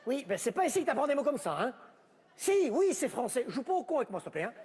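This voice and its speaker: Guy doing a bickering family sketch on stage, high voice jumping all over, long hall reverb. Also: sing-song, very fast, a little mellow, slight background noise. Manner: bickering, sarcastic, talking to unseen family. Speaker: comedian. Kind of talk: stand-up sketch, one-man show.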